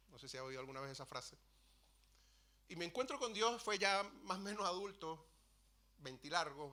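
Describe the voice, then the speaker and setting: Earnest preacher with a bright voice. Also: male voice, a little high. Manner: earnest, storytelling with many restarts. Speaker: preacher sharing testimony. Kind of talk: sermon testimony. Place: church.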